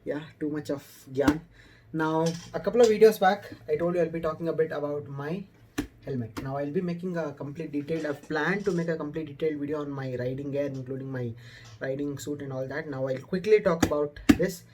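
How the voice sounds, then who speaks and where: Talking informally to camera in a room, this young motorcycle vlogger with an Indian accent explains things casually. His fairly high, slightly mellow voice moves along fairly quickly.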